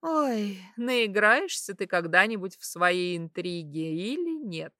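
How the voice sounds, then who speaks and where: A lively middle-aged empress with an animated, teasing manner, as a woman reader puts her on. She rises brightly on her remarks. The sound is dry and close. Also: medium pitch, slow, dry recording, heavily acted.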